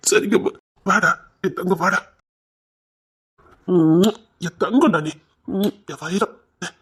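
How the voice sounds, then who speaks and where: Tender elder brother, played by a man, Tirunelveli accent, higher-pitched, consoling delivery. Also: darkish tone, husky. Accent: Tirunelveli Tamil. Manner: soothing, emotional, repeats endearments. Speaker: elder brother in a family drama. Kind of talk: web serial acting.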